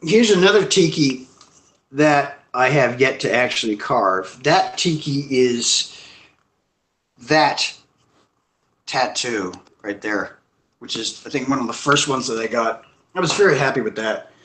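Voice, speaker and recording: Rambling, joking male host at home, live stream chat, mid-pitched voice in a roomy, echoey space. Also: animated, measured pace, a bit bright.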